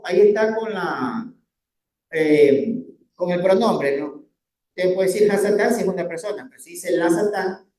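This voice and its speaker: A man's voice: high voice, darkish tone, roomy sound. A man teaching a Bible study lesson from slides. He explains step by step and keeps checking with his listeners.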